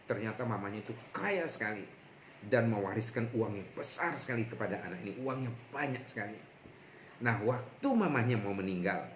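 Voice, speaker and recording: A man's voice: lowish voice, a bit bright, slight background noise. A male pastor telling a story in a prayer-meeting sermon, often calling out to his listeners as brothers and sisters. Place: church prayer meeting streamed online. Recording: echoey room with faint ambience.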